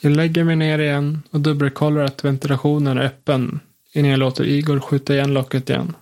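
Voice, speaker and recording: Man calmly narrating a suspense story. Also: fairly high pitch.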